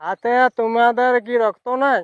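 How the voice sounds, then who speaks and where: A man speaking haltingly in a clip, stumbling over his words. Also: very high voice, fairly even intonation. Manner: stammering, halting. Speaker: content creator in a played clip. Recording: tinny phone-like clip, dry.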